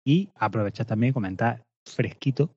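A man from Spain with a Spanish accent, co-hosting a podcast in excitable casual chat, swearing and laughing often. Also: medium pitch, normal speed, husky, no echo, lo-fi sound. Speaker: podcast co-host.

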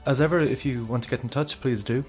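A man's voice: mid-range voice, steady tone, fast talker, darkish tone, faint music behind. A man reading a scripted introduction as a podcast host.

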